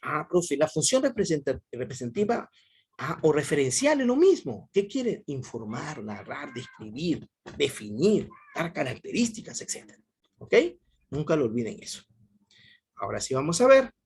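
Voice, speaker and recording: Male teacher, lively pitch, husky voice, online class, keeps checking in with students. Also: moderate pace. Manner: repetitive, checks in with "ok?" often, quizzes students.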